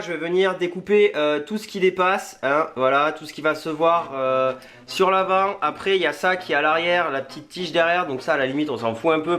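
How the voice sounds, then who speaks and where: This man's voice is a little high with a fairly bright tone. He's a video creator testing a product in a hands-on kitchen tutorial at home, chatting loosely, joking at his own expense, and letting slip some mild swearing.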